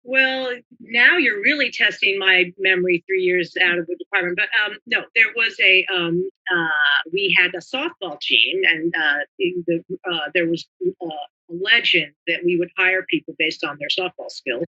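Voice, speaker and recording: Older woman guest, crisp bright tone, wanders as she tells stories, a bit muffled. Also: lowish voice, moderate pace. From New Jersey. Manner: chatty, meandering storyteller. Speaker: guest, retired government lawyer. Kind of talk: conversational interview, reminiscing.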